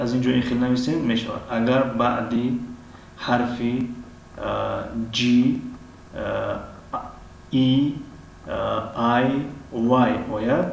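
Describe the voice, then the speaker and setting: A man with a Tajik accent teaching an English lesson. He pauses often with drawn-out fillers, clears his throat, and repeats each example word slowly. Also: medium pitch, darkish tone. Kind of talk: language lesson. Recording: very echoey room, mic at a distance, faint background noise.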